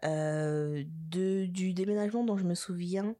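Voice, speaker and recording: A woman in her twenties from French Guiana, a podcast guest chatting casually, hesitant with many fillers and quick to laugh and tease. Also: on the low side, mellow. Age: 20s. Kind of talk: casual interview chat.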